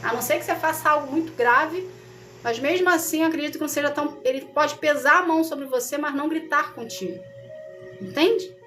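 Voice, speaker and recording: A woman's voice: high voice, brisk, bright, forceful tone, soft background music. A Brazilian woman, a missionary, teaching a casual Bible study in a conversational way and often checking that her listeners follow.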